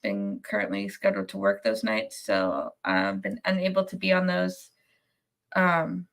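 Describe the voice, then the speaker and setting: Sick with a cold, a young woman podcast host chats casually on a live-stream post-game show for sports fans, her voice nasal and congested. She rambles with many ums and restarts and reads viewer comments. Her voice is bass-deep, unhurried and creaky.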